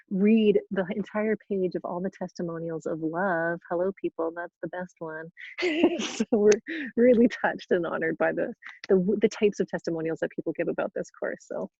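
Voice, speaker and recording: A woman's voice: mid-range voice, mellow, slightly rough, dry recording, muffled recording. A woman hosting a casual live Q&A webinar, chatting in a bubbly way with frequent restarts and laughter. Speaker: yoga teacher trainer hosting a webinar. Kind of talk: casual live Q&A, reading questions aloud. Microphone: video call.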